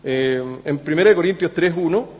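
A man delivers a sermon, his voice sitting high for a man. He halts often on fillers and restarts, then leans hard on his key words. The sound carries a long church-hall echo and a muffled, dull tone. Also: a little mellow. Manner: halting, many fillers and restarts, emphatic. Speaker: preacher.

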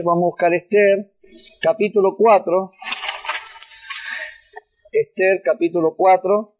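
A man preaching a sermon, addressing the congregation and rising in pitch and volume as he reads scripture aloud. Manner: rises in pitch and volume when reading scripture, many restarts. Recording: dull lo-fi sound.

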